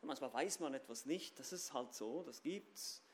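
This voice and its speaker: A man preaching a sermon and speaking straight to his listeners. He swings between loud stressed phrases and quiet low asides. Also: animated, normal speed, slight background noise. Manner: addresses listeners directly.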